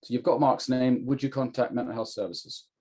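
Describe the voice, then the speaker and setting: A man's voice: medium pitch, steady tone, fairly quick, a little mellow, breathy edge. A middle-aged man explaining things as a trainer, in an informal lecture style with emphatic rhetorical questions. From UK, northeast England. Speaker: trainer, former police officer.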